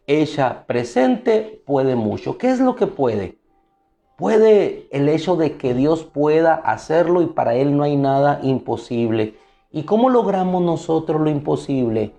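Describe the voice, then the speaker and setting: A man's voice: on the high side, dark tone. A man preaching a devotional sermon, emphatic, asking rhetorical questions and repeating phrases.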